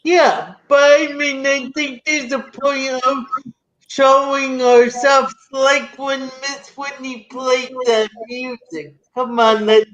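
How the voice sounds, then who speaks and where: Slow, high-voiced earnest woman. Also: level tone, a bit bright, dull audio. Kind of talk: casual conversation.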